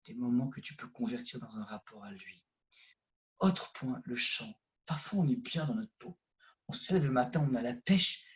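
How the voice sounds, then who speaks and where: A rabbi from France with a Parisian accent, giving a conversational lesson that swings from loud emphasis to hushed asides. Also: male voice, fairly high pitch. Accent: Parisian French. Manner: addresses listeners directly, conversational. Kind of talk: lively Torah lesson.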